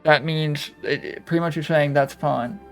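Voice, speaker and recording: A man's voice: fairly high pitch, fairly even intonation, normal speed, faint music behind. A man in his twenties voicing his character in a tabletop game, often stammering and exasperated. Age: 20s. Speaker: player. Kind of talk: casual in-character play.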